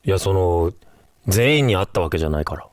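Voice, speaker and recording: A deep-voiced unseen companion creature, played by a man talks in short, evasive replies and turns touchy when pressed. The sound is dry and close. It belongs to a comedy sketch series. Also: lively intonation, a little fast, no room sound. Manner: low, terse, evasive replies.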